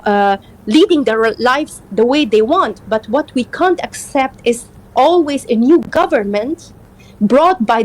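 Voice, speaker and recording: A native Persian speaker from Afghanistan joins a live political discussion as an interview guest, speaking earnestly and haltingly while searching for words. Her voice is fairly high with a darkish tone, and the audio quality is poor.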